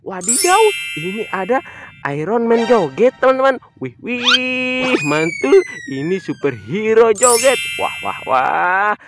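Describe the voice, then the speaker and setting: An excited presenter of children's toy videos, exclaiming and repeating catchphrases to young viewers like a party magician. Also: mid-range voice, slow pace. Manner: exclamatory, repetitive, like a kids' party magician counting and chanting for children. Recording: music behind the voice.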